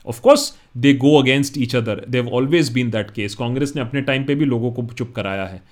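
A man's voice: medium pitch, rapid-fire, a little mellow. Indian man hosting a casual live Q&A. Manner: conversational, switches between English and Hindi. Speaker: host. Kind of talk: casual live audience Q&A talk.

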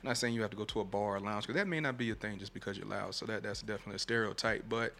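Low, gravelly man. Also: racing, a little hiss or hum. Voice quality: soft-spoken. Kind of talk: casual reflective conversation.

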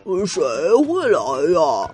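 A woman doing a slow, stammering old doctor. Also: on the low side, huge pitch swings, dark tone, slightly rough, pitched below the performer's own voice, full character voice. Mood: calm. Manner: slow, hesitant, full of "er". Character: bumbling cheerful old male inventor. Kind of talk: children's storybook reading. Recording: music playing behind.

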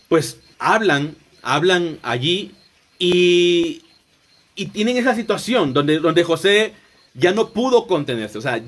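A man retelling a Bible story in a loose, conversational sermon, often restarting and rephrasing as he goes. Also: sits high. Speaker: preacher. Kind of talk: informal Bible teaching.

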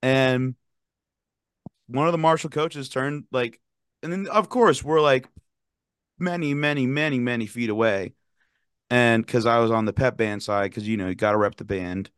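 A young man in college co-hosting a sports podcast, telling animated fan stories in casual chat. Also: mid-range voice, moderate pace, smooth, no room sound, clean studio sound. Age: young adult. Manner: animated storytelling, rowdy student fan. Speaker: podcast co-host.

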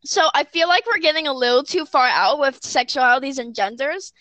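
A woman with a high, bright, sharp voice chats over an online voice call. She gives quick, opinionated takes, and her sound is close and dry with no room. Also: animated, no echo. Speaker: friend in group call. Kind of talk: casual chat.

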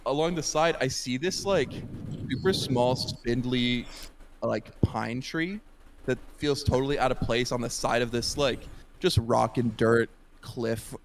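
A man's voice: mid-range voice, measured pace, slight background noise. A young man, a podcast guest, telling a long story in a casual, rambling way, with lots of fillers and laughs, over a voice call.

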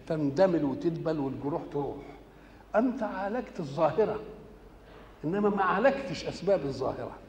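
A man with an Egyptian accent giving a Quran commentary lesson. He recites verses slowly and keeps asking rhetorical questions, then answers them himself. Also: fairly high pitch, lively intonation, darkish tone, in a large hall, a little hiss or hum. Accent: Egyptian Arabic.

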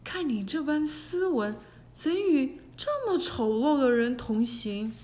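A woman's voice: sits high, expressive, slow, a little mellow. A woman voicing a frightened male temple monk who speaks in a trembling voice in a storybook tale. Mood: fearful.

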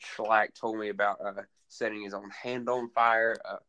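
Low-voiced male co-host, casual rambling recap, dry close sound. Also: little pitch movement, normal speed, sharp tone, smooth, no echo, muffled recording. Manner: rambling, with many fillers. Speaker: co-host recapping a wrestling show. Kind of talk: casual podcast chat.

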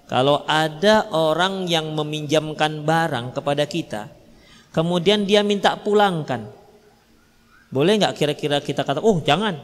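A man voicing a calm, coaxing wife. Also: on the high side, normal speed, voice pushed down, natural voice. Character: calm, clever wife gently breaking sad news. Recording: reverberant hall.

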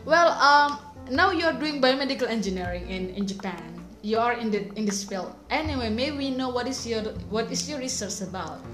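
High-voiced woman interviewing, roomy echo. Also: expressive, a little fast, few pauses, fairly bright tone. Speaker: podcast host, interviewer. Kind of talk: conversational interview. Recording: roomy echo, faint music behind.

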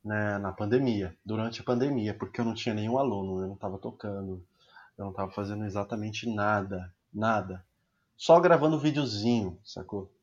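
A man's voice: on the low side, fairly quick, darkish tone, dull audio. A young adult man, a musician telling a personal story in a casual podcast chat, slangy and trailing off. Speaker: musician and music teacher, guest.

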